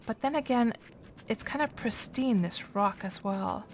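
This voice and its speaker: Streaming a game, this woman, whose first language is Finnish, talks casually with her viewers and answers their questions. She thinks out loud, full of fillers and restarts, in a mid-range voice with a measured pace.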